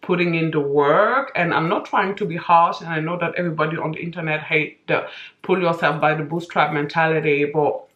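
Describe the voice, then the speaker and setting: A woman's voice: low voice, brisk, fairly bright tone, lo-fi sound. Echoey, emphatic woman chatting while doing makeup. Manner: emphatic, big-sisterly advice-giving with repeated "okay?"; talking while applying makeup. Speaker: vlogger giving life advice. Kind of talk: casual chatty get-ready-with-me monologue. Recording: roomy indoor echo.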